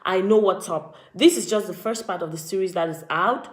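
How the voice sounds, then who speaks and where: Speaking a little fast in a fairly low voice, a woman from Cameroon chats on her live vlog and calls out viewers by name. The recording has a roomy sound.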